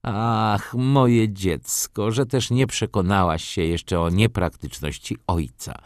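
A man voicing a brisk, gossipy older countess aunt in an audiobook reading. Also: fairly low pitch, dry recording, clean studio sound, pitched above the performer's own voice. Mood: lecturing. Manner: lecturing, gossipy, confident.

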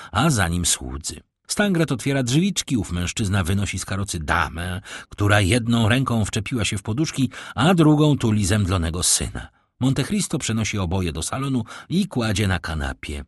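A man reading a classic novel aloud as an audiobook, in a dramatic, expressive way. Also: lowish voice, husky, dry recording, studio quality. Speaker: audiobook reader. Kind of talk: scripted narration of a classic novel.

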